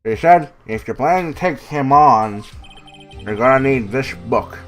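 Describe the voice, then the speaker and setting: A man's voice: medium pitch, expressive, a little slow, a bit bright, soft background music. A man hosting a game playthrough, reading narration and lines aloud expressively.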